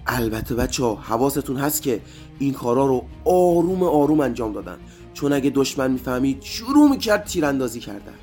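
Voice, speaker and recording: A man narrating a story and speaking directly to children in a lively way. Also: medium pitch. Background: faint music.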